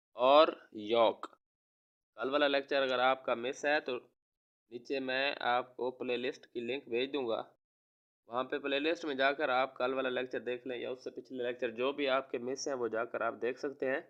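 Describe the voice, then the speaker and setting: A man from Pakistan, a teacher giving a recorded lesson to young children, slowly spelling out words and repeating them. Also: mid-range voice, fairly even intonation, a bit bright, dull audio. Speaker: online school teacher.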